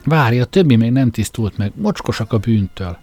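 A man's voice: mid-range voice, lively intonation, a little mellow, soft background music, close to an everyday voice. A man voicing an intense, fervent young male preacher who speaks insistently and accusingly.

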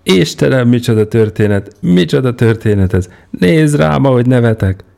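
A man voicing a boisterous, manic young airman who laughs wildly and shouts excitedly. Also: fairly low pitch, vocal fry, pitched above the performer's own voice. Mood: giddy.

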